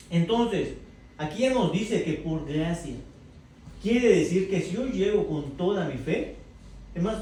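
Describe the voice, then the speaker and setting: Brief: warm, slightly high male Bible teacher, conversational, heard from far off in a roomy hall with faint noise. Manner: asks the group questions, tags lines with "verdad?". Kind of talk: interactive Bible class.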